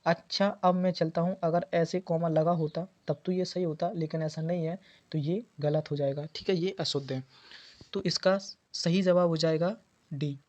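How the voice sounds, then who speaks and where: A man's voice: on the high side, steady tone, normal speed, darkish tone. A man teaching an exam preparation lesson, going through quiz answers and patiently repeating key words. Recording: dull lo-fi audio.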